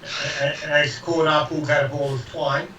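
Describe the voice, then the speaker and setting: A man's voice: a little high, level tone, moderate pace, sharp tone, distant mic. A man chatting casually as a player at a tabletop role-playing game. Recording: echoey, dull, noisy, off-mic.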